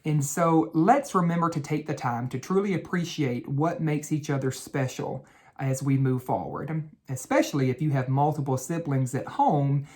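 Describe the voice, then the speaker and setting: In a children's bedtime read-aloud, a man takes the role of educator, with a gentle, instructive delivery and stretched-out key words. He sounds animated, his voice on the high side.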